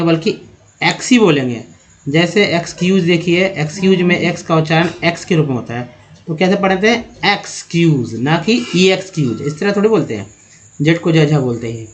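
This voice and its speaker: A man teaching an English pronunciation lesson, slowly spelling words letter by letter and addressing viewers as friends. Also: sits high. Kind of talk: spoken language lesson. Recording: dull lo-fi recording.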